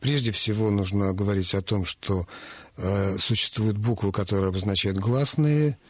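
A man's voice: fairly low pitch, moderate pace, no room sound. A man in a radio studio lecturing on phonetics, with frequent hesitant fillers. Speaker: language expert.

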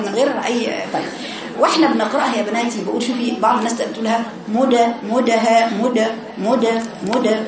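A woman with an Egyptian accent teaching tajweed to girls, slowly repeating sounds to demonstrate and correcting mistakes. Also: medium pitch, echoey room, poor audio. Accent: Egyptian Arabic. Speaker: Quran recitation teacher.

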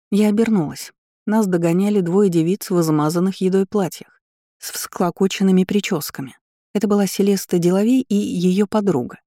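A woman narrating a first-person fantasy audiobook in a calm, wry, even way. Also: lowish voice, dry recording, clean studio sound.

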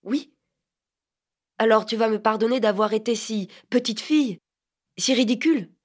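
A woman's voice: fairly high pitch, moderate pace, husky, voice pushed up. A woman voicing an anxious, lovesick teenage boy in an audiobook, pleading and tender.

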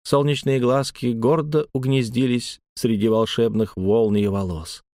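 A man reads a first-person story aloud in a calm, measured voice of middle pitch. The sound is dry and close to the mic, with no room echo. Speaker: audiobook narrator. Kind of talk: first-person scripted narration.

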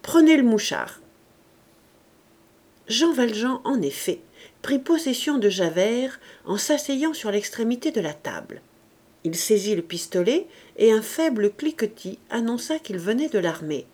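A woman's voice: on the high side, very animated, normal speed, a little mellow. Woman reading a classic novel aloud. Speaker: audiobook reader. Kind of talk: scripted narration.

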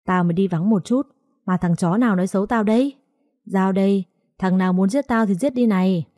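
A woman's voice: medium pitch, a little fast, mellow, dry recording, studio quality, lightly acted. A woman reading aloud, voicing a crude, threatening male debt-collector thug. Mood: furious. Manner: vulgar, taunting, threatening.

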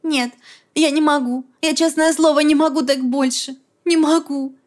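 A woman's voice: high-pitched, steady tone, voice pushed up, lightly acted. A woman reading an audiobook, voicing a distraught young woman of twenty-eight who talks in an agitated, pleading rush. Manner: agitated, pleading, fast hot whisper. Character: upset young woman, 28, shrill and furious. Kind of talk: audiobook character voice.

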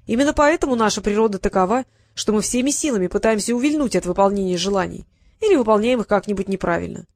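A woman's voice: mid-range voice, lively intonation, fast, a little mellow, no echo, studio quality. A woman reading an audiobook, voicing a sly, evasive male genie who is thousands of years old, with a wheedling, mock-respectful manner. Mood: scheming.

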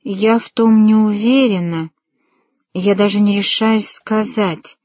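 A woman's voice: medium pitch, steady tone, takes it slowly, a little mellow, dry recording, clean studio sound, close to an everyday voice. A woman reading a timid anxious girl. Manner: anxious, pleading. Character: young woman, timid and fearful daughter.

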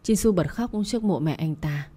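Brief: a woman storyteller, soft dark tone, steady and calm. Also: sits low, moderate pace, husky. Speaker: audiobook narrator. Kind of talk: first-person story reading.

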